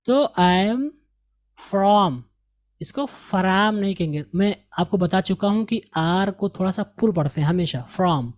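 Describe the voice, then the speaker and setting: Male teacher from India; slow, measured delivery; repeats model sentences for pronunciation practice. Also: high voice, expressive, a little mellow. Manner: repeats example sentences slowly and carefully, correcting pronunciation. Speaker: English teacher. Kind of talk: recorded language lesson.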